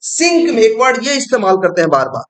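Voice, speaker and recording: A programming teacher with a very high, slightly bright voice talks fast and very animatedly through a coding lesson, posing questions and answering them himself. His tone is casual and teacherly, and the roomy space around him gives a clear echo.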